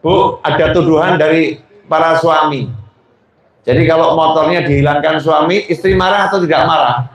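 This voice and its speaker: A man's voice: a little high, fairly even intonation, moderate pace. A man with a Javanese accent giving a jokey sermon, teasing his congregation with questions. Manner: jokey, keeps asking the audience questions. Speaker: preacher. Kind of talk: humorous sermon to a live congregation. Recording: very echoey hall.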